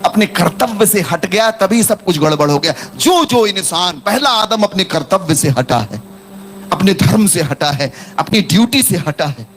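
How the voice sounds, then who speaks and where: A man's voice: high-pitched, moderate pace. A man preaching a sermon in Hindi, telling a parable and calling out to his congregation for responses. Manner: animated, calls out to the congregation. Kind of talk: sermon with storytelling and call-and-response.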